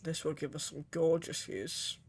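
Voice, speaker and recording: A man's voice: a little high, steady tone, normal speed, gravelly, breathy edge. A man chatting casually on a livestream as a virtual pilot, murmuring asides to himself and reading back radio calls. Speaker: flight sim streamer, virtual pilot.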